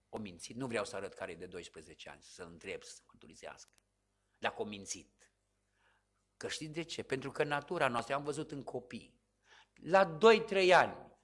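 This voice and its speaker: A man from Romania preaching a dramatic sermon as pastor, swinging from hushed asides to loud exclamations. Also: fairly high pitch.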